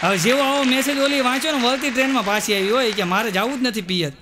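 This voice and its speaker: A man performing stand-up comedy, telling jokes and sometimes singing verses slowly. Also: very high voice, a crowd in the background. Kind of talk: live Gujarati comedy show with jokes and sung verses. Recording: live stage recording with audience and noise.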